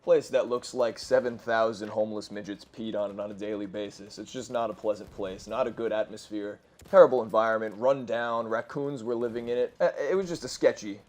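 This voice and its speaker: Fairly low in pitch with a darkish tone, this gaming commentator in his twenties rambles through crude stories over gameplay. He swears frequently and keeps correcting himself.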